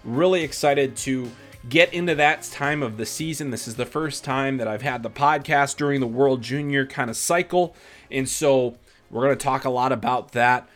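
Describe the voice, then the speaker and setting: A man's voice: medium pitch, moderate pace, a bit bright, faint music behind. A man hosting a solo sports podcast, a little stuffy from a recent cold, talking in a chatty, rambling way with fillers. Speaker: podcast host.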